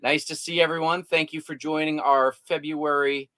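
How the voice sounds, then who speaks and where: A man's voice: fairly high pitch, flat delivery, normal speed, sharp tone. A man co-hosting a casual livestream from inside a camper, reading out viewer comments and joking. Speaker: co-host of an RV livestream.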